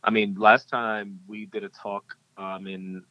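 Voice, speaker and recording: A man's voice: fairly low pitch, level tone, unhurried, no room sound, highs cut off. A man being interviewed as a podcast guest, talking reflectively with frequent fillers and restarts. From Ghanaian-American. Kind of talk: casual interview talk.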